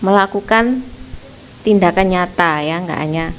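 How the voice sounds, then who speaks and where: Woman preacher, unhurried gentle sermon delivery, frequent "ya" tags, faint background hiss. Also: fairly low pitch, rough recording. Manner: slow, gentle, tags nearly every phrase with "ya". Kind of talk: sermon at a prayer service. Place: church.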